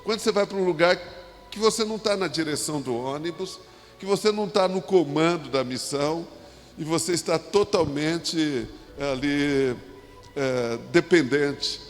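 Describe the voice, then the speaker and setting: A man with a Brazilian Portuguese accent preaching a sermon as a pastor in a church, talking in a halting way with restarts and asides. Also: fairly high pitch, soft background music. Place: church sanctuary. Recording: long hall reverb.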